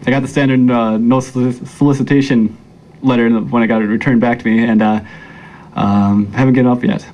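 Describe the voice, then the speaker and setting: A man's voice: mid-range voice, steady tone, fairly quick, darkish tone, low-quality recording. A man in his thirties with an American accent, talking casually as an interviewee. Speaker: interviewee, sports fan.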